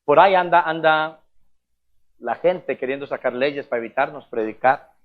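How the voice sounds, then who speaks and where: A man with a Colombian accent preaching a lively sermon as pastor, calling out to the congregation and acting out little scenes. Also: a little high, normal speed, narrow, tinny audio. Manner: animated, calls out to the congregation, acts out little scenes.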